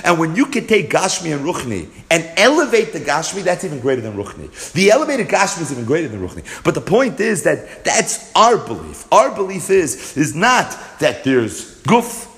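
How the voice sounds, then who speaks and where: A man's voice: a little high, very animated, moderate pace, few pauses, a bit bright. A man teaching a Torah class, mixing Hebrew and Yiddish terms into his English and driving points home with rhetorical questions.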